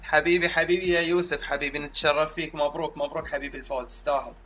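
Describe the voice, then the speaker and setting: A young man giving excitable live commentary on his own football video game match, shouting at his players. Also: fairly high pitch, rapid-fire, soft background music. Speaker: gaming streamer.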